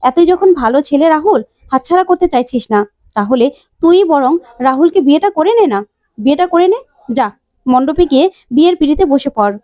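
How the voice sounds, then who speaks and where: A woman's voice: sits high, expressive, a little fast, dry recording. A woman voicing a headstrong young bride who is set on going abroad, speaking defiantly and scolding. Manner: defiant, scolding, shouting demands.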